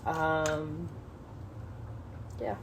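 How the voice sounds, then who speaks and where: Speaking extremely slowly in a deep voice, a young woman rambles through an unscripted livestream chat before a book reading. Her talk is slangy, hesitant, and self-conscious, and there's background noise.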